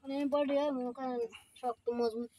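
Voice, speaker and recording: A woman with a Barishal accent speaks in a high voice, explaining things plainly outdoors. Other voices chatter clearly around her in the village. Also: fairly even intonation, fairly quick. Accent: Barishal Bengali. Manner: explains matter-of-factly, in dialect.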